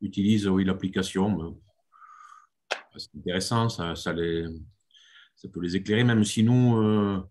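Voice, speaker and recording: A man with a low-pitched voice speaks as a panel guest. His style is casual and conversational. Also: a little slow, long pauses, darkish tone. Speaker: wine merchant on a panel.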